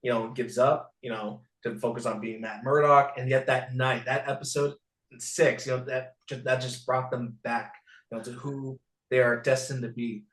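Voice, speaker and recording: Man with halting talk in an echoey room. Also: mid-range voice, fairly even intonation, fairly bright tone. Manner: halting, full of "you know" restarts. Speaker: guest. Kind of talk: casual recap chat. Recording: roomy echo.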